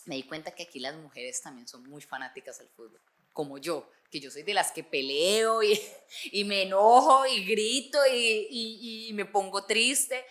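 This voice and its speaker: A woman's voice: medium pitch, unhurried, a bit bright. A woman in her twenties with a Colombian accent, talking expressively in a documentary interview. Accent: Colombian Spanish. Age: 20s. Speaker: football fan and dance teacher.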